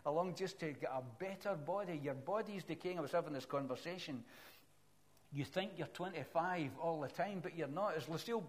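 A man's voice: a little high, brisk. A middle-aged man from Scotland with a Glaswegian accent, preaching a sermon in a conversational way with self-deprecating asides between scripture readings. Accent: Glaswegian Scottish.

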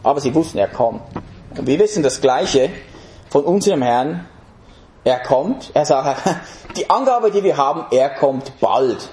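A man's voice: a little high, expressive, unhurried, a little mellow, reverberant. A man preaching a sermon in an emphatic way, putting rhetorical questions to the congregation.

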